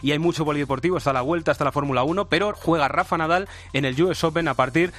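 A man's voice: fairly high pitch, racing, a bit bright. A man from Spain giving a matter-of-fact sports update on a radio show. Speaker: sports reporter.

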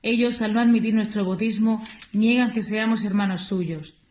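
A liturgical reader, a woman with a mid-range voice, reads scripture and prayers aloud for a morning liturgy in a measured, steady way, with small slips now and then. A little hiss or hum is audible.

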